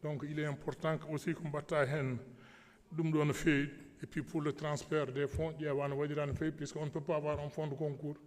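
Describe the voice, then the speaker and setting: Male deputy, Senegalese accent, fairly high-pitched, emphatic parliamentary oratory with repetition, long hall reverb. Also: little pitch movement, a little fast. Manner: emphatic, repeating himself for stress. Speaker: member of parliament. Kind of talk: parliamentary speech switching between French and Pulaar. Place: large parliamentary assembly hall.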